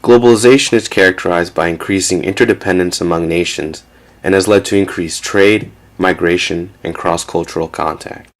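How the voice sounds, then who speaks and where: A man giving a measured, factual scripted narration for a documentary. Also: low voice.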